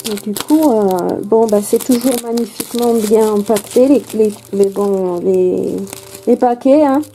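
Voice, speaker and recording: A woman's voice: medium pitch, measured pace, dark tone, slight background noise, low-quality recording. A woman from France chatting casually and hesitantly while unboxing a card deck, with many fillers and restarts. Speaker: tarot and oracle card vlogger.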